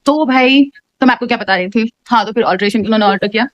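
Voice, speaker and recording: Lively young woman chatting in a dry close vlog. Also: on the high side, fast, no echo, lo-fi sound. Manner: animated storytelling, mixing in English words. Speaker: vlogger. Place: home, indoors.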